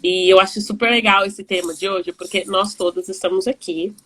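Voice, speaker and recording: A woman's voice: medium pitch, steady tone, moderate pace, a little hiss or hum. Chatty Brazilian woman hosting a live. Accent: São Paulo Brazilian Portuguese. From São Paulo, Brazil. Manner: chatty, warm, laughing often, many restarts. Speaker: live stream host. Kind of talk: casual video call chat. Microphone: video call.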